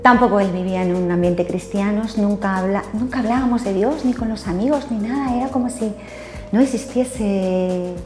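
An older woman from Spain, appearing as an interview guest, shares a personal faith testimony in a mid-range voice at a moderate pace. She speaks hesitantly, with many fillers and tag questions, in a roomy-sounding space with music in the background.

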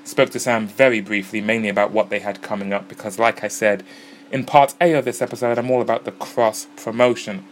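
Fairly low-pitched and fairly quick, with mostly even intonation, the podcast host chats casually about bands and gigs. He's talkative, laid-back, and pokes fun at himself during narration and interviews, recorded amid crowd noise in a pub smoking area.

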